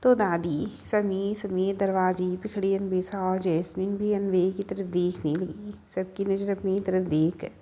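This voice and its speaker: A woman narrating an audio story, reading all the characters' lines in an even storytelling tone. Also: mid-range voice, unhurried, few pauses.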